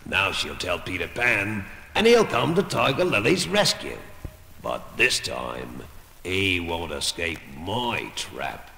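Gravelly Captain Hook, scheming pirate villain. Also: male voice, deep voice, sing-song, slow, pushed and bright, full character voice. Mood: gloating, vengeful. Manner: theatrical, gloating. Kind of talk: children's story record acting. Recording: roomy, reverberant, faint noise.

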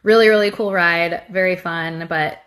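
A woman recapping a theme park trip in a chatty, animated vlog. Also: fairly low pitch, normal speed. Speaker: vlogger.

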